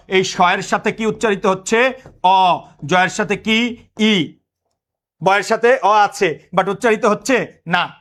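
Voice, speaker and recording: High-voiced man drilling students. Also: a bit bright. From Bangladesh. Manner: drills students with repeated questions. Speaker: teacher. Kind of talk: lecture.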